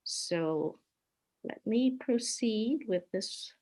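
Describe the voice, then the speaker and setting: A woman's voice: a little high, expressive, warm tone. An older woman from Hawaii, a guest on a video call, telling her life story unhurriedly and stopping now and then to sort out her slides. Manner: unhurried, stops to sort out her screen share. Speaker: interview guest.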